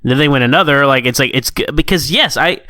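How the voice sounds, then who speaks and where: A podcast co-host with a mid-range, bright and forceful voice talks fast in a casual chat, reviewing stories and acting out little quotes. He speaks informally, sprinkling in "like" and mimicked lines. The audio is studio quality with no room sound.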